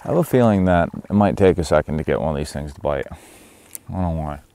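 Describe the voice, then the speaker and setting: Low-voiced man talking on a river. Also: a little fast, creaky, a little hiss or hum. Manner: relaxed, chatty, instructive. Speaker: fishing guide and vlog host. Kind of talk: casual outdoor vlog narration and how-to. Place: outdoors on a river.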